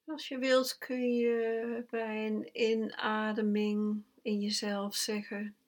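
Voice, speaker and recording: Very slow, soft-spoken woman guiding meditation. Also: mid-range voice. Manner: slow, soft, calm instructions, at times sinking to a whisper. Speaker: meditation guide. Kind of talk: guided breathing meditation.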